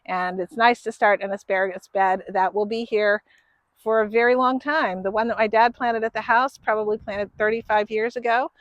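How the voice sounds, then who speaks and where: A woman hosting a gardening video outdoors, explaining her planting in a relaxed, chatty way. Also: mid-range voice, moderate pace, no room sound, lo-fi sound. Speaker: gardening channel host. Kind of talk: casual how-to gardening talk. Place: outdoors in a garden bed in a grassy field.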